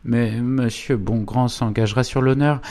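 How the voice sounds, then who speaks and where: Man doing a spiteful hunchbacked clerk for a storybook reading: pitched high above the reader's own voice, bitter, scheming, pushy. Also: steady tone, a little slow, dark tone, close to an everyday voice. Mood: feverish vengeful.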